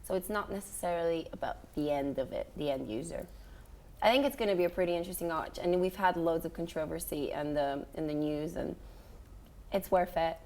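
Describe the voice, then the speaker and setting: A woman guest giving informal television recommendations in a halting, explanatory way. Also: lowish voice, darkish tone. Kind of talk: informal review chat.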